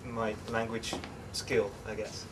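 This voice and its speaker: A young man chats easily as an interview guest, with plenty of fillers and restarts. He sits some way from the mic. Steady background noise runs under his voice. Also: on the low side, takes it slowly, recorded from a distance. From England, raised in the Netherlands. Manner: relaxed, chatty, many fillers and restarts. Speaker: interview guest, English teacher. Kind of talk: casual interview chat.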